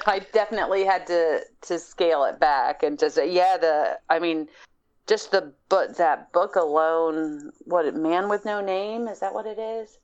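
A woman co-hosts a podcast, chatting casually about games and rambling while she hunts for words. Her voice sits fairly low and moves at a measured pace, with the high frequencies cut off.

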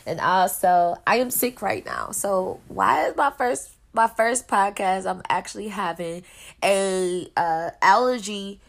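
A woman's voice: mid-range voice, slow pace, creaky. A woman in her thirties, a podcast host from Buffalo, New York, talking casually and rambling on her own show, nasal and congested from allergies. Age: 30s. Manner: chatty, rambling, laughs often. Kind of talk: casual solo podcast monologue.

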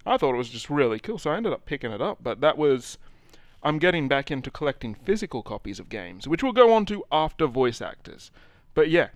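A man's voice: mid-range voice, dry recording. A man hosting a casual gaming chat, acting out quotes and swearing freely. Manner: animated, swearing, acts out quotes.

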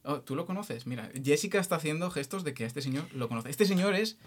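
A man's voice: on the high side, lively intonation, quick pace. A man talks through a science topic on a casual podcast. He jokes along the way and stumbles into restarts as he explains. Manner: jokey, restarts often while explaining.

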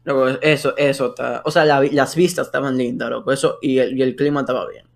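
A young man with a medium-pitched voice and a Dominican accent. He talks casually with friends, using lots of slang and checking in with short tag questions. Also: steady tone, fast, creaky. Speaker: podcast co-host.

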